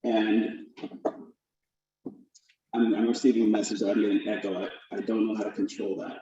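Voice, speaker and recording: A man's voice: lowish voice, little pitch movement, normal speed, dark tone. A man in his forties from Los Angeles, an attorney giving an earnest, formal town hall talk with fillers and restarts over a video call. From Los Angeles, USA. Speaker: attorney and guest speaker. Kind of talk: community town hall presentation. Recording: echoey, distant, dull video-call audio.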